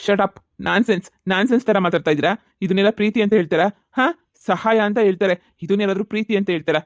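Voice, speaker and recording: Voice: medium pitch, fast, no room sound, natural voice. A voice actor playing an exasperated man who refuses a marriage, in a cartoon comedy. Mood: irritated scolding.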